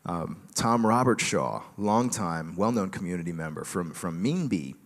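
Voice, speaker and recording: A man giving a relaxed conference talk with a joking tone and many fillers, speaking in a large auditorium. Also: low voice, moderate pace, in a large hall.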